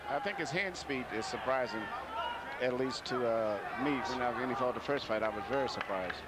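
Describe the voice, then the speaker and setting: A man's voice: mid-range voice, a little fast. A man giving analytical live boxing commentary as an expert analyst. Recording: very noisy live arena broadcast.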